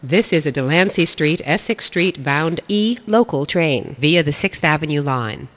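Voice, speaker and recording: A woman reading scripted automated subway announcements in a formal, measured way. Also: low voice, expressive. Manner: formal, measured delivery of stop and line information. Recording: dull, band-limited announcement audio.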